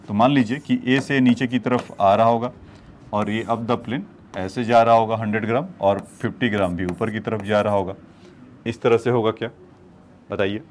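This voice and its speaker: A man's voice: fairly low pitch, fairly even intonation, moderate pace, darkish tone, a little hiss or hum. A male physics teacher working through problems on a board, explaining each step and addressing his students as children. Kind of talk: whiteboard problem-solving lecture.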